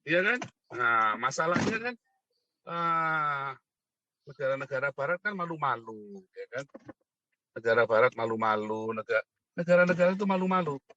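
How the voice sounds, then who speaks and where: Middle-aged man, a scornful rant host with a crisp, forceful tone. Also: medium pitch, lively intonation, moderate pace, long pauses, lo-fi sound, a little hiss or hum. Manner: mocking, provocative, keeps asking "ya kan?". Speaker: online commentator. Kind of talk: ranting monologue.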